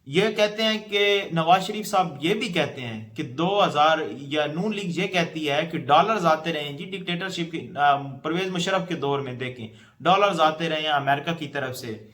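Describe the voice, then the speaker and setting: A man's voice: fairly high pitch, few pauses, fairly bright tone. A man giving casual political commentary to camera, speaking in loose run-on sentences with frequent hesitations.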